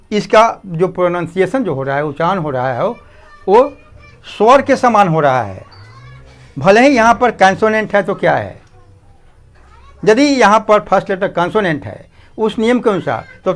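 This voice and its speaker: Slow high-voiced male teacher. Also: lively intonation, faint music behind. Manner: slow, repetitive, asks students to pay attention. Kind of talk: grammar lesson explanation.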